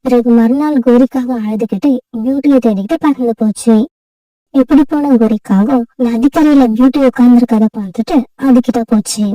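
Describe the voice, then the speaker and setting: Mellow high-voiced woman narrating a storybook. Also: brisk, no echo, distant mic, poor audio.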